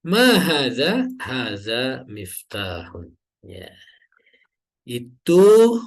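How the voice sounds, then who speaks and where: Man, Arabic grammar teacher, online class, slow deliberate delivery, drawn-out example words. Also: medium pitch, vocal fry. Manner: slow, drawn-out teacher's explanation with frequent "ya" checks.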